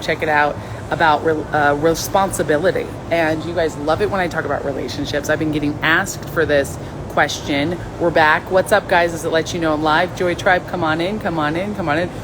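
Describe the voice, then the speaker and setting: Hosting a live stream, a woman with a raspy, low voice chats casually and reads viewer comments in a blunt, outspoken, playful way, with background noise behind her.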